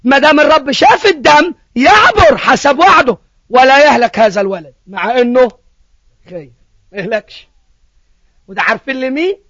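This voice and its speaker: A man's voice: extremely high pitch, fairly quick, no echo, highs cut off. A man with an Egyptian accent preaching a sermon, telling a story and questioning his listeners. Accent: Egyptian Arabic. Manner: animated storytelling, questions to the congregation.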